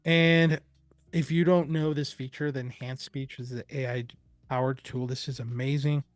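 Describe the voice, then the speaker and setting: A man presenting a live software demo, chatty and enthusiastic, rambling with fillers. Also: mid-range voice, fairly even intonation, normal speed, no echo.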